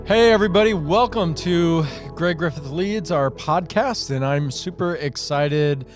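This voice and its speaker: A man's voice: on the high side, unhurried, soft background music. A man hosting a podcast interview, asking questions in an upbeat, joking, friendly manner. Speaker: podcast host.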